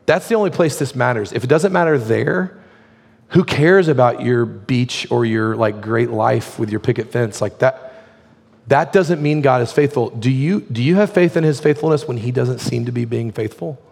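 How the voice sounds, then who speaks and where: In a large hall that leaves a long reverb, a man preaches as a pastor, keeping his sermon casual and conversational with plenty of "like" fillers. The voice is hoarse and gravelly at an ordinary pitch, and he speaks at a moderate pace.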